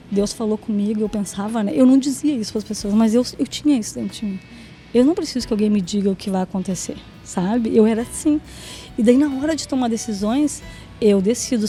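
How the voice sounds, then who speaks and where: A woman's voice: high-pitched, dark tone. A woman giving a personal faith testimony in a chatty way, often acting out what people said and tagging her sentences with little questions. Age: adult, mother of two daughters. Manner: chatty, acts out quoted dialogue, frequent "né?" and "sabe?".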